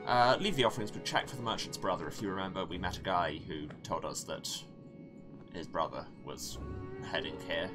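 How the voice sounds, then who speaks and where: Deep-voiced man narrating a game. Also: a little fast. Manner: dramatic story reading mixed with wry asides. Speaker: let's play host. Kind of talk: narrating a story game while playing. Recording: game music under voice. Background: game music.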